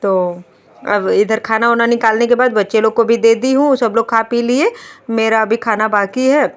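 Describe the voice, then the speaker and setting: A woman in her thirties narrating her home vlog in a chatty, homely way, talking to viewers as friends. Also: fairly high pitch. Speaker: vlogger, homemaker. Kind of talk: casual voice-over home vlog.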